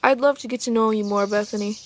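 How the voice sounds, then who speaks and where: A woman's voice: on the high side, fairly even intonation, quick pace, pitched below the performer's own voice, lightly acted. Woman voicing a laid-back, flirty guy doll. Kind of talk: amateur doll-play skit acting.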